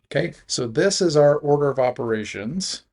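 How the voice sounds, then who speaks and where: Relaxed male math teacher explaining steps. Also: fairly high pitch, normal speed. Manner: relaxed, self-correcting, chuckles at slips. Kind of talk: recorded math lesson.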